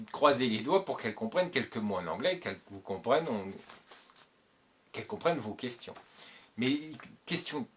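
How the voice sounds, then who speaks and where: A French-speaking man hosts his channel, offering advice in a casual, rambling monologue. He repeats himself and uses many filler "euh"s, and his voice is lowish with a somewhat bright quality.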